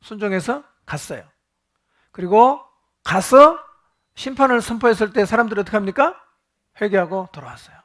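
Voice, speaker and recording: Male pastor, fairly high voice; interactive Bible study sermon, asks the room questions and jokes. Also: expressive, moderate pace, pauses often, fairly bright tone.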